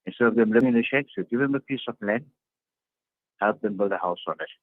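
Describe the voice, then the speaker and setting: A man's voice: fairly low pitch, quick pace, no echo. A man, a party councillor, answering interview questions earnestly over a video call and repeating his points for emphasis. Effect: heard over a video call. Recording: tinny, dry video-call line.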